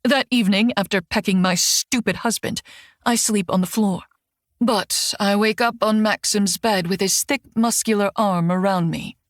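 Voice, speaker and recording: A woman's voice: mid-range voice, moderate pace, no room sound, clean studio sound. Wry woman narrating an audiobook. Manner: wry, sardonic inner monologue. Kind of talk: first-person audiobook narration.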